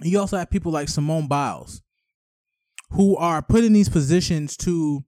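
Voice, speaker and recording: A man's voice: on the high side, darkish tone, no room sound, studio quality. A man hosting a podcast, delivering a rambling, profane solo rant and tripping over words at times. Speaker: podcast host.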